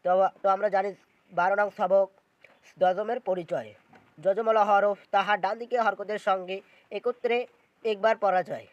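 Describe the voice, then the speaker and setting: A man's voice: high voice, steady tone, normal speed, long pauses, no room sound, highs cut off. A man teaching Quran reading, spelling out letters and syllables one by one and repeating them in a patient lesson. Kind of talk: slow step-by-step recitation lesson.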